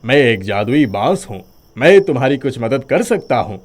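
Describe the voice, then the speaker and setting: An actor voicing a kind male magic bamboo spirit in an animated storybook, speaking calmly and reassuringly. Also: medium pitch, moderate pace. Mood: calm, kindly.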